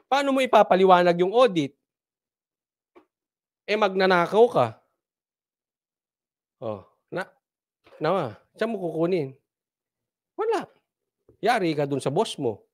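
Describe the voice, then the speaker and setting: A man's voice: high-pitched, sing-song, measured pace, pauses often. A man from the Philippines giving casual political commentary in a mocking, sarcastic way, laughing often.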